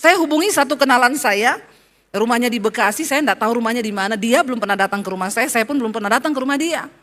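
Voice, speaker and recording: Pendeta wanita bersuara tinggi berkhotbah penuh semangat. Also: female voice, a little high, quick pace. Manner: impassioned preaching with personal testimony, swinging between soft and loud. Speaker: pastor. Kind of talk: sermon.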